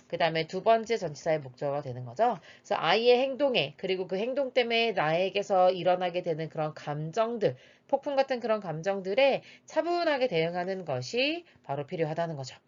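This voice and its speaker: Methodical female teacher, dull lo-fi audio. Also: medium pitch. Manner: patient, methodical, frequent "uh" fillers. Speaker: English teacher. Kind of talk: explaining exam reading passage. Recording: slightly dull lo-fi recording.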